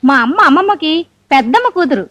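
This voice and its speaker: An actress playing the bride's chatty relative in a comic film scene, rattling off explanations. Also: female voice, sits high, big pitch swings, fast, a bit bright. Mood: explaining.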